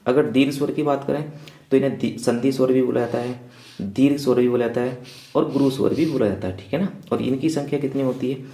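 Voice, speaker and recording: A man's voice: mid-range voice, fairly even intonation, fairly quick, warm tone. A male teacher giving an exam revision lecture, asking his class rhetorical questions and checking in with them over and over. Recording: echoey room.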